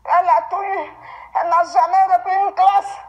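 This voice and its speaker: A woman's voice: extremely high pitch, steady tone, normal speed, muffled recording. An actress playing a grief-stricken mother who wails, sobs and pleads with God in melodramatic screen acting. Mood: wailing prayer. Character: grief-stricken mother mourning her daughter.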